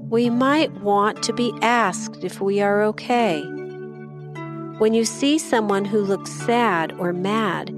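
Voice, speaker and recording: A woman gently guiding children through a mindfulness exercise in soft, slow instructions. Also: mid-range voice. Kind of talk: guided meditation. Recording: voice over clear music. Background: background music.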